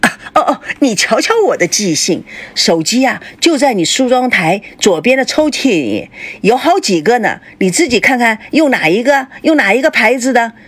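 A woman's voice: fairly high pitch, very animated, moderate pace, a bit bright, breathy edge, pitched above the performer's own voice, heavily acted. A woman voicing a shrewd middle-aged mother who fusses and persuades. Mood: fawning. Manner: fussing, persuasive.

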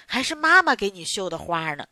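A woman as a kindly old storybook grandma, fussing, gently scolding, bright tone, lively pitch. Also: a little fast, dry recording, clean studio sound.

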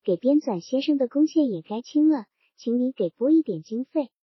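A woman reading the lines of a gentle, wry old male scholar in a mild, teasing tone. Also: high voice, lively intonation, moderate pace, slightly rough, dry recording. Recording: dull, dry audiobook recording.

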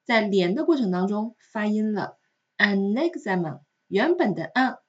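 A woman teaching French in a recorded lesson, explaining patiently and repeating example words slowly. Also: medium pitch, animated, lo-fi sound.

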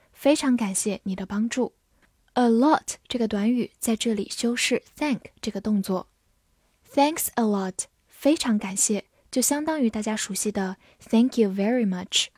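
Slow, husky woman teaching vocabulary. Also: on the high side, a little mellow, no echo, clean studio sound. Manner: spells words letter by letter and reads example sentences slowly. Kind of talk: scripted vocabulary lesson.

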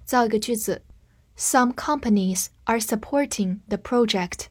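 A woman's voice: a little high, a little slow, a little mellow, no room sound. Patient woman teaching English vocabulary. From China. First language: Chinese. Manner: clear, patient spelling out of words. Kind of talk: vocabulary lesson.

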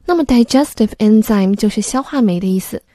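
A woman's voice: mid-range voice, fairly quick, mellow, dry recording, studio quality. A woman explaining English vocabulary word by word in a patient, step-by-step lesson. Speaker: English teacher.

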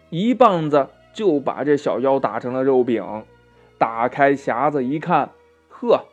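A man narrating a children's story, gently drawing out his sentence endings. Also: mid-range voice, muffled recording.

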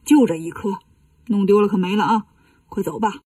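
A woman's voice: medium pitch, moderate pace, mellow, no echo, clean studio sound, distant mic, voice pushed down, lightly acted. A woman voicing an anxious, stingy old male immortal who scolds and frets. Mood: fretful.

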